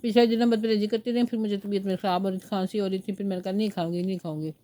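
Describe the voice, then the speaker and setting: An older woman with a sore throat races through her words in a mellow, mid-range voice with fairly even intonation. In this casual home vlog she sits indoors with her baby grandchild, telling rambling stories and switching into baby talk.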